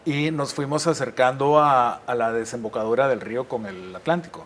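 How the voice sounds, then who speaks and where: A middle-aged man from Guatemala speaks as a guest in an interview, recounting his years as a war correspondent at an average pitch. He tells his stories reflectively and often restarts his sentences. A faint hiss of noise sits under his voice. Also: moderate pace, a bit bright. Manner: reflective storytelling with frequent restarts. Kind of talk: interview conversation.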